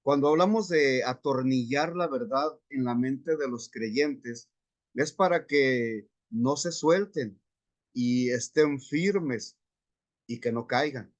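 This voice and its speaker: A man gives a Bible class lecture at a slow, deliberate pace. His pitch sits in a middle range for a man. He walks through scripture and Greek word meanings step by step. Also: highs cut off. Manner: unhurried, explains Greek words step by step. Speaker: Bible teacher. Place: church classroom.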